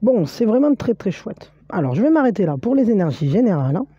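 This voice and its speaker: This woman reads tarot cards in a spiritual session, talking directly to the viewer with warm encouragement, frequent fillers, and false starts. Her husky, dark voice sits at a medium pitch but swings widely. There's no room sound, and the high frequencies are cut off.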